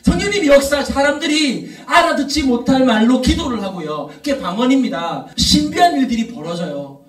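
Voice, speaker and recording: High-voiced man preaching in an echoey hall. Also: sing-song, normal speed, far from the mic. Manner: storytelling, rising to emphatic repeated questions. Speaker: youth pastor. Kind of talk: sermon. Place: church worship hall. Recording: echoey room, voice from off mic.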